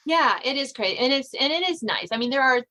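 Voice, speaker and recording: An American woman, a podcast host and novelist, chats casually with a guest as a fellow writer in an interview. Her high-pitched voice is pushed and bright, with lively intonation and a quick pace.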